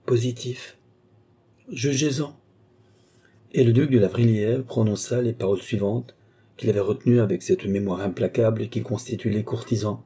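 A man reading a classic novel aloud as an audiobook narrator, lifting his pitch to voice the characters' dialogue. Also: fairly even intonation, a little fast, warm tone, slightly rough. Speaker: audiobook reader.

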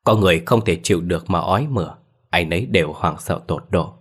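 Man, very deep voice, grim dramatic horror narration, storyteller. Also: animated, quick pace, slightly rough.

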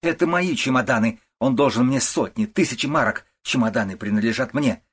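Male narrator playing a hysterical elderly mother-in-law, shrill, accusing, husky edge. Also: fairly quick, close to an everyday voice. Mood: shrieking. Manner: wailing, shrieking, accusing.

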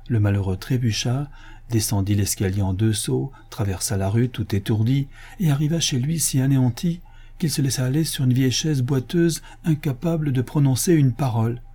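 A man reading a story aloud as narrator, in a measured, expressive manner. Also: medium pitch, breathy edge. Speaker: audiobook reader.

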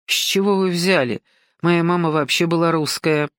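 A woman's voice: fairly low pitch, moderate pace, clear, resonant tone, dry recording, studio quality, close to an everyday voice. A woman reading an audiobook and voicing a nervous, bewildered young male cook who speaks hesitantly. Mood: anxious. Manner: hesitant, anxious.

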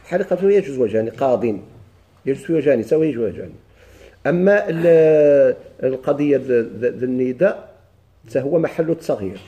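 A man's voice: medium pitch, expressive, warm tone. Moroccan man teaching a grammar class. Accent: Moroccan Arabic. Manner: questions the class and answers himself, reads lines slowly. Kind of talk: classroom lesson explaining a text.

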